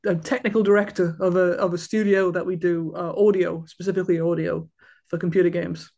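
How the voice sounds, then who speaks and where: The speaker is a Welshman in his thirties with a high, gravelly yet mellow voice, keeping a level tone at a brisk clip. He's a guest in a casual conversation, rambling with plenty of fillers and false starts.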